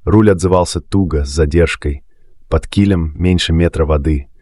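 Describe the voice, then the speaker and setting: Deep-voiced guy reading a sea story, dry close mic, steady delivery. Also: moderate pace, no room sound. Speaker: narrator. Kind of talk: scripted narration.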